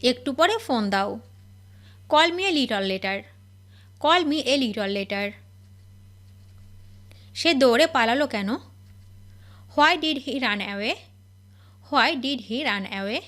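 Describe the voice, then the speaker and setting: A woman teaching English phrases, reading each sentence and then repeating the English slowly twice. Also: a little high, animated, fairly bright tone.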